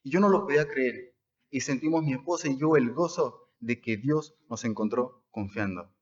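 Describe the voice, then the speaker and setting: A man's voice: mid-range voice, normal speed, dull audio. A man preaching a sermon as pastor at a church service, stressing words by rising and dropping his voice.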